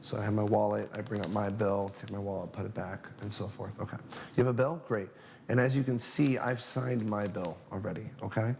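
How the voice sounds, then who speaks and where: A man with a somewhat low voice walks through a magic routine in a relaxed, upbeat way, slipping in the lines he says to spectators. A faint hum of the room sits under his talk. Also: fairly quick, creaky. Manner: chatty and upbeat, acts out patter lines. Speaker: magician teaching a trick. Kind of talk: casual instructional demonstration.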